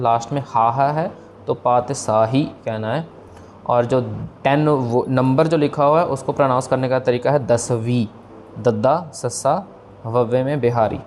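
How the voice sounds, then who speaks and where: A man giving a patient scripture pronunciation lesson, slowly spelling out sounds and mixing in English words. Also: medium pitch, darkish tone, a little hiss or hum. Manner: patient, slow demonstrations of pronunciation; mixes English words into explanations. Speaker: Sikh scripture teacher.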